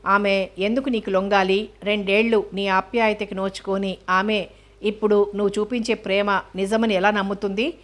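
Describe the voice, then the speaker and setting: A woman's voice: medium pitch, flat delivery, normal speed, lightly acted. A woman reading the lines of a hot-tempered male friend who scolds bluntly, in a storybook reading. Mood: scolding. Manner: scolding and forthright.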